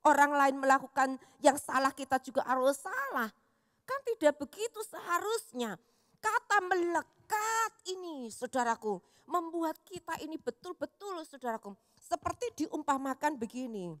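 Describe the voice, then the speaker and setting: A woman pastor giving a sermon in an animated, storytelling way, often calling her listeners "saudaraku" and acting out the voices in her stories. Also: high-pitched, normal speed, no room sound, studio quality, long reverb tail. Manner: acts out quoted voices in her telling. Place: church hall.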